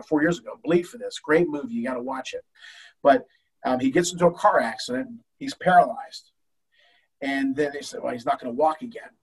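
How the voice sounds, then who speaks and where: An older man, a baseball coach, telling an emotional story in an animated way with many restarts. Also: a little high, husky, far from the mic, poor audio. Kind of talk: storytelling in a talk show.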